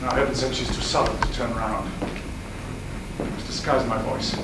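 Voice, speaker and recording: A man's voice: mid-range voice, fairly even intonation, normal speed, close to an everyday voice. A man playing a flustered, witty young army captain in a stage play, with hesitant speech. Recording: echoey hall, far from mic, noisy.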